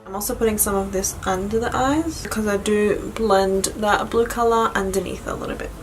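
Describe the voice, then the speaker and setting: A woman's voice: mid-range voice, a little fast, faint music behind, rough recording. A woman beauty vlogger chatting informally as she explains a makeup tutorial step by step. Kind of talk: casual instructional chat.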